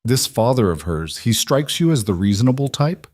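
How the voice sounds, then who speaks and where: A man's voice: medium pitch, very animated, moderate pace, darkish tone. A man voicing a loyal, blunt ranch friend ready to help. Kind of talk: audiobook character voice.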